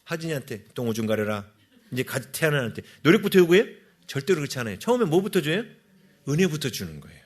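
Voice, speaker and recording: A man's voice: a little high, sing-song, quick pace, husky. A male pastor giving a sermon, asking the congregation questions and answering them himself.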